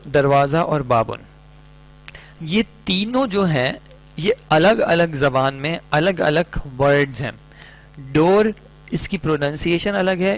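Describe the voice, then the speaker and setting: A man's voice: a little high, low-quality recording. A man teaching Arabic grammar in an online lecture, patiently explaining with many everyday examples.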